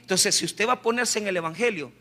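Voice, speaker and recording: A man preaching a sermon as pastor in a church, impassioned, with bursts of shouting before dropping to a quiet voice. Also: high voice, fast.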